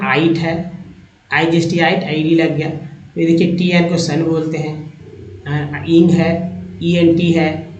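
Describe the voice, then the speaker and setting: Male tutor from India, slow drilled delivery, lo-fi echoey recording. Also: fairly high pitch. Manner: repeats each word slowly, spells out letters. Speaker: English teacher. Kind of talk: slow word-by-word vocabulary lesson. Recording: echoey lo-fi room.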